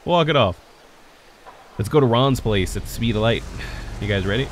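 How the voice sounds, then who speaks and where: A man giving casual gameplay commentary as a streamer, with excitable, joking, swearing reactions. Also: fairly low pitch, quick pace. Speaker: gaming streamer.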